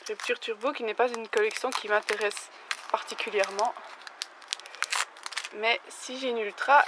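A young woman, slightly hoarse from a recent illness, chatting casually as she opens trading cards and exclaims over the ones she likes. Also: on the high side, fairly bright tone, a little hiss or hum. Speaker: YouTuber opening trading cards. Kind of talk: casual card-opening commentary.

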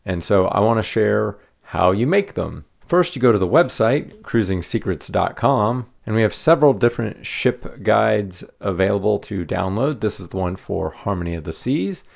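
A channel host sits at a table in an indoor craft room, casually walking through a craft demonstration step by step in a relaxed, friendly manner. He has a fairly low voice with vocal fry and a moderate pace, and he hardly pauses.

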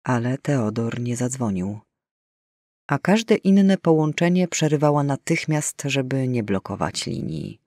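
A man's voice: medium pitch, animated, a little slow, darkish tone, no room sound. Man narrating an audiobook, dry. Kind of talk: scripted narration.

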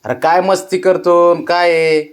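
A man's voice: high voice, level tone, measured pace, smooth. A man, coaxing his pet cat in baby talk and repeating words as he pleads and scolds it tenderly.

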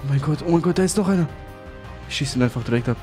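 A young man giving excitable commentary on his role-play game, repeating exclamations. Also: on the high side, very fast, soft background music. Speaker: gaming YouTuber.

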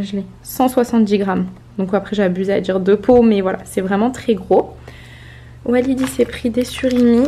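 A woman's voice: mid-range voice, creaky, dark tone, a little hiss or hum. A woman in her twenties from France chatting casually through a grocery haul, showing items to the camera with many fillers. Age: 20s. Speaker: vlogger.

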